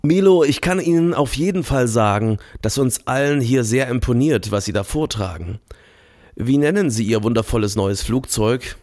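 A man voicing a pompous, credulous middle-aged general in an audiobook, speaking in a slow, self-important way. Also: medium pitch, darkish tone, lightly acted. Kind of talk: audiobook character voice.

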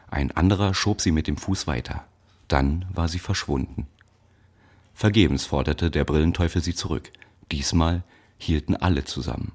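A man reading a story aloud in a measured, dramatic narrating manner. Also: rumbling low, darkish tone. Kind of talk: audiobook narration.

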